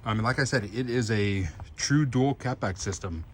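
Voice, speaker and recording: A man with a lowish voice talks casually and excitedly as he unboxes and installs a truck part, filling gaps with ums. His voice is fairly low and a faint hiss sits behind it in the garage. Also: moderate pace. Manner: excited, chatty, fillers. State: out of breath. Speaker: truck vlogger.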